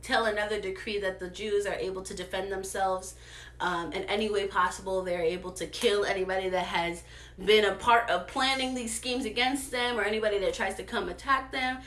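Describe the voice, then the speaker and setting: A woman voicing a young queen who gives firm, measured orders. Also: medium pitch, steady tone, fairly bright tone, echoey room, voice pushed down, natural voice. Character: calm, commanding young queen.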